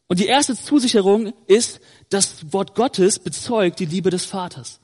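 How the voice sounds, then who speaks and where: A man's voice: sits high, a little slow, a little mellow, in a large hall. A man preaching a sermon, earnest and encouraging, who addresses listeners directly and often says "hey".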